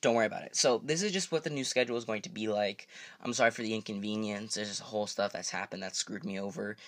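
A man's voice: fairly low pitch, quick pace, fairly bright tone. A young man hosting a gaming channel, talking casually through a video update in a rambling way, often correcting himself and apologizing. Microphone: desk microphone.

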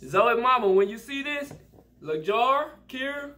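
Joking, laughing family-vlog dad. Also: male voice, very high-pitched, animated, measured pace. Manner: loud, joking, laughs often. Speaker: family vlog host, father. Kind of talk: casual family game chat.

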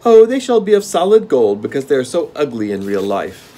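A man voicing a petulant, vain male gnome king who is quick to anger and gleeful about his tricks. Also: medium pitch, big pitch swings, mellow, pitched above the performer's own voice. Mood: offhand.

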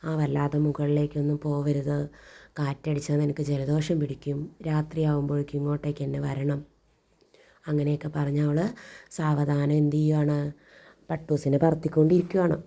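A woman's voice: low voice, vocal fry, dark tone. A woman teacher reading a story to children and explaining it, asking questions and answering them herself. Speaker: primary school teacher.

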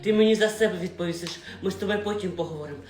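Rude, lazy, swearing husband, done by a woman; gruff and low, echoey room. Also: rapid-fire, a little mellow, faint music behind, lightly acted. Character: rude, lazy, beer-drinking young husband, man.

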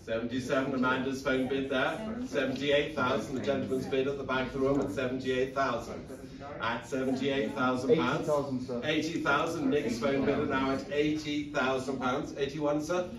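A man's voice: mid-range voice, steady tone, moderate pace, crowd noise. Middle-aged male auctioneer, rhythmic bid-calling patter, recorded from the back of a busy saleroom. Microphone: lectern mic, filmed from the audience seats. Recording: echoey saleroom from far back, audience around.

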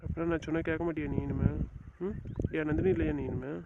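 A man's voice: fairly high pitch, fairly even intonation, fast, vocal fry, very noisy. An actor playing a remorseful young husband who begs his wife not to leave, in a melodramatic drama with slightly dull sound. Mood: pleading. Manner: begging, soothing, insistent. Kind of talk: melodramatic family drama acting.

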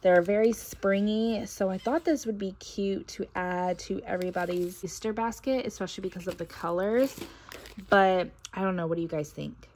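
A young woman narrating a casual haul video at home, thinking aloud as she sorts gifts, with a few soft laughs. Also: medium pitch, moderate pace, slight background noise. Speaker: vlogger. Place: carpeted room at home, indoors.

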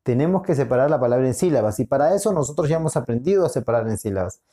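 A male school teacher gives a recorded online lesson in a medium-pitched, expressive voice with a dark tone. He's patient and explains in a drawn-out way, repeating himself and frequently checking in with short questions.

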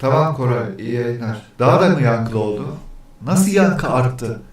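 A man's voice: medium pitch, lively intonation, measured pace. Male streamer, casual and chatty; counts weekdays for mic checks and gets irritated with his setup. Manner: easily annoyed, grumbling about echo. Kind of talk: casual livestream chat.

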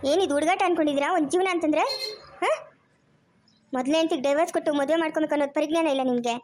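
A woman's voice: high voice, rapid-fire, a little mellow, lightly acted. A woman, playing a stern police officer who gives commands in an amateur family drama.

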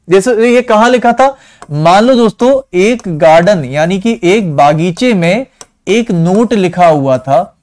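High-voiced man teaching a coaxing lesson. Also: a little mellow. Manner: coaxing, repeatedly asks students to answer honestly. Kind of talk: online exam-prep reasoning lesson.

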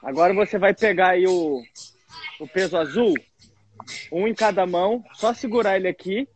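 A man's voice: sits high, normal speed. A man coaching a workout, encouraging and calling out rep counts. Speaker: personal trainer.

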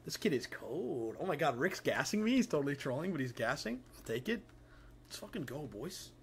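A young male game streamer chats casually during livestream gameplay, crude and slangy like a frat bro, swearing a lot. His voice sits on the high side, sing-song, brisk and creaky, with a little hiss or hum in the audio.

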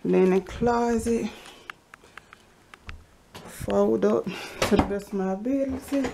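Background noise accompanies a woman's slow, creaky, mid-range voice as she tours her home on camera. Walking with a handheld camera through the basement and hallways, she narrates casually. She's relaxed and chatty, sometimes lowering her voice to a whisper.

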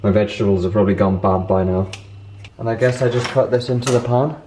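A young vlogger fumbles through a recipe in his home kitchen, chatting casually with self-mocking bemusement in a casual cooking vlog. His voice is lowish and warm with little pitch movement, and he talks fast. The audio is poor, with cooking noise behind.

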